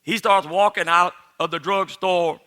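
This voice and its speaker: A man's voice: high voice, fairly even intonation, unhurried, bright, forceful tone. A man with a Cajun accent telling a comic story in a folksy, rambling way, often repeating his phrases. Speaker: comedian, joke teller.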